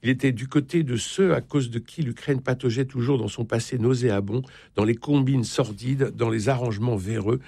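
A male interviewer hosting a conversation with an author, sometimes reading passages aloud in a measured way. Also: mid-range voice, creaky, warm tone, husky, no room sound. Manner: reads passages with measured delivery. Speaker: interviewer, host.

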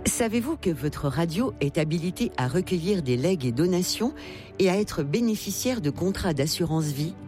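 A woman announcer reading a scripted radio promo in an even manner. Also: lowish voice, normal speed. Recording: voice over music bed.

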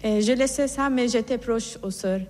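A middle-aged Iranian nun recounts her life story in an interview, earnest and reflective, frequently starting her sentences over. Her voice is on the high side with a darkish tone and normal pace, heard through long hall reverb.

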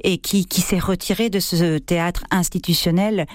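In a close, dry studio with no room echo, a middle-aged French actress who co-directs a theatre talks on the radio at a normal speed. Her fairly low voice has fairly even intonation, and she gropes for words with frequent fillers, hesitations and fresh starts.

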